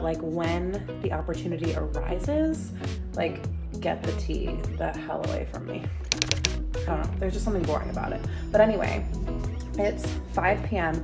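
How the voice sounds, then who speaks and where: A bubbly young woman in her twenties talks to her viewers while cooking at home. Her voice sits low with a gravelly edge. The kitchen sounds echoey, with music playing clearly underneath. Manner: bubbly, chatty, says "you guys" and "like" often. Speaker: vlogger. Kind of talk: casual vlog chat. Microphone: camera mic, then phone.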